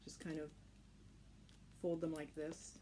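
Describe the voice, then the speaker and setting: A low-pitched, mellow voice, monotone and slow, guides listeners through a children's craft step by step. The woman instructing keeps it informal and reassuring, recorded at home with clearly noticeable noise.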